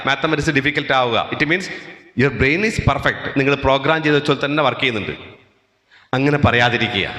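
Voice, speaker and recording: A man's voice: a little high, bright, forceful tone. Rousing Malayali man in an echoey hall. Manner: rousing, asks the crowd questions. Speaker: motivational speaker. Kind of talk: motivational talk to students. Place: large hall with an audience. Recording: echoey hall with long reverb.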